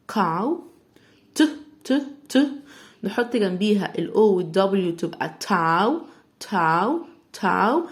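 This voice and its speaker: A woman with an Egyptian Arabic accent teaching English phonics, sounding out words slowly part by part. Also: medium pitch. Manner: slow stretched sounding-out of word parts, loud on examples. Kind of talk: phonics lesson.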